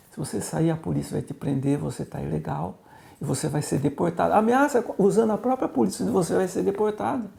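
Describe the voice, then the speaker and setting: Man, Brazilian Portuguese accent, pastor, heavily gravelly voice, mellow dark tone, animated storytelling. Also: fairly high pitch. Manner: animated, acts out quoted voices in his stories. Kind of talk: interview storytelling.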